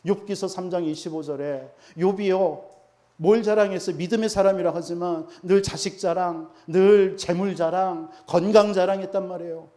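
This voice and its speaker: A man's voice: high voice, fairly even intonation, moderate pace, dark tone. A man preaching a sermon as pastor, emphatic and full of rhetorical questions to the congregation.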